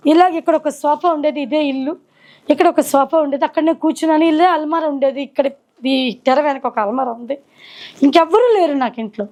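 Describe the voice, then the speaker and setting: A middle-aged woman sharing her personal faith testimony at home, earnest and reflective, pausing and slowing as she recalls. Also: high voice, a little mellow. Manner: earnest, reflective storytelling with slow hesitations. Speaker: testimony speaker. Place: indoors at her own home.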